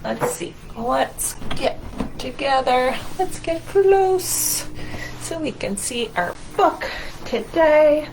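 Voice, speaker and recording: Her voice is high and darkish, slow-paced with lively intonation, as this woman children's librarian encourages young kids in a singsong storytime featuring movement and read-aloud. The poor audio carries a little hiss or hum.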